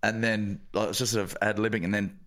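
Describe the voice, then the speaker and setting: A man with a somewhat low voice chatting on a podcast, relaxed and quick to laugh. He talks loosely, with restarts and a joking tone. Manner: laid-back, laughs easily. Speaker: podcast co-host. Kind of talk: casual chat.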